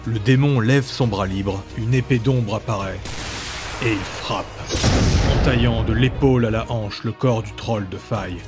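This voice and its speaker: A man narrating a fantasy story in a measured, dramatic way. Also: lowish voice. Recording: background music.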